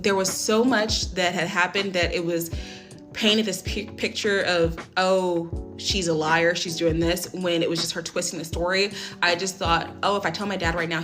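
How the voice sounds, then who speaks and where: A woman's voice: on the low side, steady tone, normal speed, a bit bright, faint music behind. A young woman telling a personal story in a candid, rambling way, with frequent swearing and fillers. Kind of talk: casual storytime.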